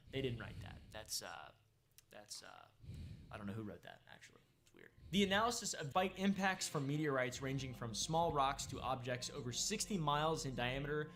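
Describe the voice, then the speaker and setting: A man's voice: fairly high pitch, a bit bright. A man hosting a comedic conspiracy commentary, rambling with jokey asides and mock-dramatic emphasis. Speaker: host. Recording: clear background music under voice.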